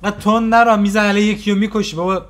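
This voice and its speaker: High-voiced man mocking clips sarcastically. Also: flat delivery. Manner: teasing, sarcastic, quick retorts. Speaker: reaction video host. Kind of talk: casual mocking commentary.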